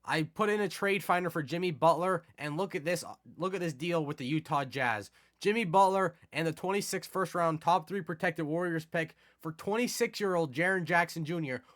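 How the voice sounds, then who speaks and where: A man's voice: on the high side, fairly bright tone. A man with a stuffy, congested nose from a cold, giving casual, conversational gameplay commentary as host of a video. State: has a cold. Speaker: video game content creator, host.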